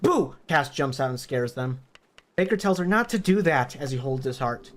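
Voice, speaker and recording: A hoarse man reading a story aloud in a plain, steady narrating voice. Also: mid-range voice, normal speed. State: hoarse from illness.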